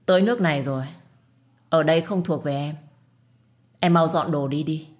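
A woman's voice: lively intonation, takes it slowly. A woman voicing a young husband who speaks curtly and firmly with sadness. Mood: grave. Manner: curt, low and firm. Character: stern, sad young husband.

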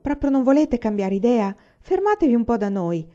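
A woman voicing a steady, reassuring father of a pioneer family in a storybook reading, calm and practical. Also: on the high side, normal speed, dull audio, pitched above the performer's own voice.

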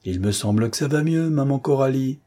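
A man's voice: medium pitch, expressive, brisk, mellow, voice pushed up, lightly acted. A man voicing a jovial army captain who gives orders to his wounded soldiers, by turns commanding and affectionate. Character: hearty male army captain, convalescent officer.

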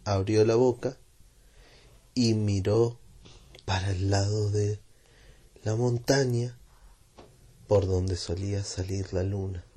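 A man with a Rioplatense Spanish accent reading a children's story aloud in a gentle, unhurried way. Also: on the low side, fairly even intonation.

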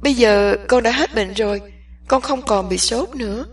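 A woman voicing an impatient, resolute young woman who speaks firmly and deliberately in an audiobook. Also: a little high, breathy edge, recorded from a distance. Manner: firm, deliberate, emphatic.

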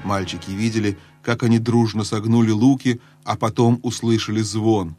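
A man reads a children's fantasy story in a measured, storytelling voice that sits on the low side. In the tense moments he drops lower and quieter, almost hushed. Faint music plays underneath. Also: fairly even intonation. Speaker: audiobook narrator. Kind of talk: scripted storybook narration.

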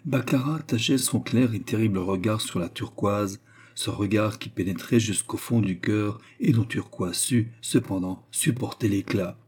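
Male audiobook narrator, measured storyteller with a dark, husky low voice.

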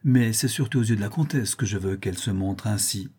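A man's voice: lowish voice, fairly quick, darkish tone, husky, pitched below the performer's own voice. A man voicing a composed noble baroness. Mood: polite. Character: poised aristocratic baroness.

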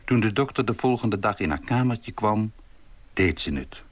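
A man's voice: on the low side, animated, normal speed. A middle-aged man reading his own literary column aloud, telling it in a dry, understated way.

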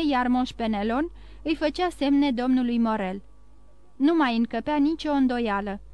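A woman narrating a classic novel in a measured, expressive audiobook reading. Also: high voice, clean tone, dry recording, dull audio.

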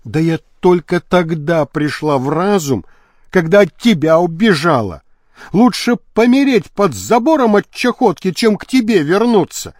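A man doing a shrill, indignant young actress. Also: sing-song, slow pace, darkish tone, no room sound, clean studio sound, exaggerated voice. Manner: shrill, exclaiming. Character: hot-tempered actress, young woman, hates her husband. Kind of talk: audiobook character voice.

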